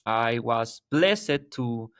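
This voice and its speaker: Very slow yet expressive, the medium-pitched voice belongs to an Ecuadorian man in his thirties with an Ecuadorian Spanish accent, a wildlife photographer guesting on a casual interview. The audio is clean studio sound without echo, and he speaks earnestly, searching for words with frequent restarts.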